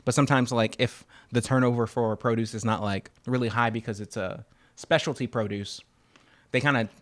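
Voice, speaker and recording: A man's voice: medium pitch, fairly quick. A man hosting a casual podcast chat, talking loosely with lots of fillers while cutting and tasting fruit. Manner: relaxed, rambling, many fillers. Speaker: podcast host.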